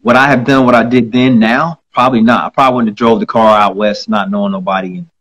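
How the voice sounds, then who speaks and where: A man hosting a casual interview chat on a video call, talking in a reflective way with drawn-out phrases and many fillers. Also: lowish voice, fairly even intonation, a bit bright, rough recording. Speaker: host.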